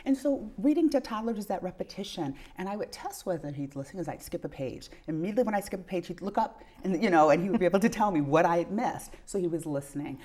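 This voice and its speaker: A woman's voice: on the low side, lively intonation, fast talker, hardly any pauses, a little mellow. A middle-aged woman, a pediatrician giving earnest explanations with examples as an interview guest. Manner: earnest, illustrates points with examples.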